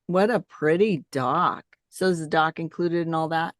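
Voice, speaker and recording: A woman's voice: sits low, moderate pace, no echo, clean studio sound. An older woman hosting a casual, conversational interview. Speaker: interview host.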